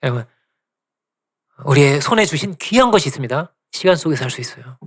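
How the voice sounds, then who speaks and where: Male pastor, sermon delivery, animated storyteller, slightly higher voice, talks to the congregation. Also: breathy edge. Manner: soft, drawn-out prayer.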